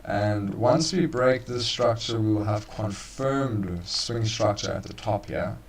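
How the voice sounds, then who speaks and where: A man's voice: on the low side, slow, slight background noise. A man co-hosting a live trading stream, casually walking listeners through chart analysis. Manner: casual, laid-back, calls listeners bro. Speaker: trading co-host. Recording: roomy, far from the mic.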